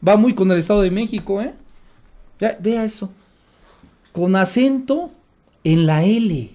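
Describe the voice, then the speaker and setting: A middle-aged man with a Mexican accent hosts a political commentary, his voice sitting high for a man. He talks in a sarcastic, indignant way, mocking what he criticizes. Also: a little slow, dark tone. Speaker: host.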